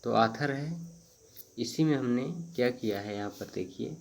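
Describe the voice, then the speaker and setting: A man teaching grammar in Hindi, reading each rule out very slowly, one word at a time, and repeating himself with hesitant fillers. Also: mid-range voice, gravelly. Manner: explains slowly in Hindi, reads English rules very slowly word by word. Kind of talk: Hindi-medium grammar lesson.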